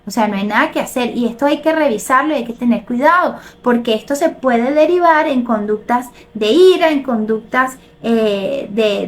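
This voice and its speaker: Viewer comments get read aloud and met with animated reactions by this live-show host, a middle-aged Venezuelan woman whose voice is a little high and carries a Venezuelan accent.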